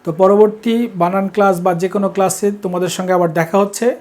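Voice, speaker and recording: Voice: mid-range voice, steady tone, a little fast, a little mellow. A teacher from Bangladesh, explaining language rules step by step and checking that the students follow. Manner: explains step by step, checks understanding with short prompts. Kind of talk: classroom lesson.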